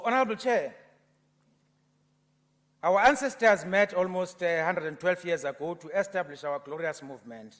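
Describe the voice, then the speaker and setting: Impassioned South African man in a chamber. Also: high-pitched. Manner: oratorical, building to loud impassioned delivery. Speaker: member of a provincial legislature. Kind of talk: parliamentary debate speech. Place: legislative chamber. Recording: long reverb of a legislative chamber.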